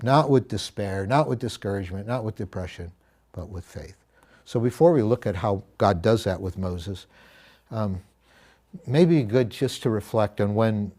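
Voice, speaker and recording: Middle-aged male pastor, low mellow voice, reflective conversational teaching. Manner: earnest, reflective, with self-corrections and asides. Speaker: pastor teaching a Bible study.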